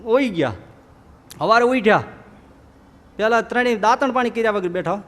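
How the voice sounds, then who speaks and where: A man's high, bright voice rings out across a large hall with a long reverb tail. He is a monk preaching, a lively storyteller who slips into the voices of his characters. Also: normal speed. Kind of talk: devotional sermon with storytelling.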